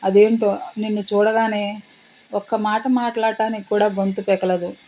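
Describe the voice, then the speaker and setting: Earnest young woman in love, mellow, plain-spoken read by the narrator. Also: mid-range voice, flat delivery, normal speed, close to an everyday voice, low-quality recording. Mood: tender. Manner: earnest, pleading.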